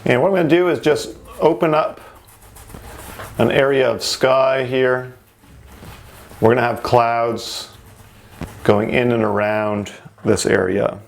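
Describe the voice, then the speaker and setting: A man's voice: mid-range voice, fairly even intonation, slow pace, gravelly, long pauses, a little hiss or hum. A man giving an informal painting lesson in the manner of a TV painting instructor, talking through each step as he works. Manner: informal, narrates each step while working.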